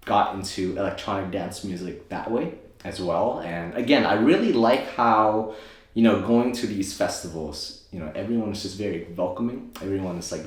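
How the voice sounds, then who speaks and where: A young man from Thailand, a native Thai speaker, telling his story as an interview guest in a loose, rambling way full of fillers. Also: low-pitched. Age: 20s. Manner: rambling, filler-heavy, self-correcting. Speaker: guest, optometrist and DJ. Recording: very echoey room.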